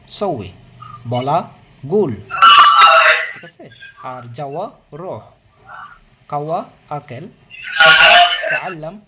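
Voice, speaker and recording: A man's voice: on the high side, fairly bright tone, a little hiss or hum. A man teaching an online language lesson, explaining patiently with fillers and restarts and often checking in with listeners. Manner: explanatory, repeats words, many fillers and restarts.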